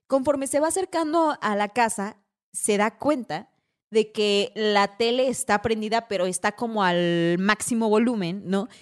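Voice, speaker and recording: A woman with a Mexican accent, a podcast host telling a story in a casual, slangy, lively way and acting out the voices. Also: mid-range voice, measured pace.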